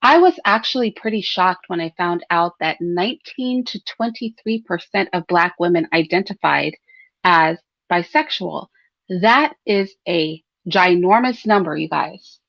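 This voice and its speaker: A woman with a lowish, fairly bright voice speaks unhurriedly, hosting a commentary livestream where she offers her opinions solo, chatting informally and directly to listeners with rhetorical tag questions. She clears her throat frequently. The recording is close, dry, dull and slightly lo-fi, with no echo.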